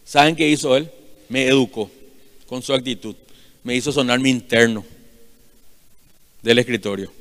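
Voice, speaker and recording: Loud preaching man in a hall. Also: mid-range voice, moderate pace, pauses often. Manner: loud, emphatic preaching with sudden swells and drops. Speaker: pastor. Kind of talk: sermon. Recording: long hall reverb.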